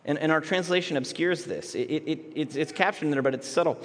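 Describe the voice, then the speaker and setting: A man's voice: on the high side, fast talker, a bit bright. A man preaching a sermon as pastor, in a conversational way with frequent restarts and repeated words. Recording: long hall reverb.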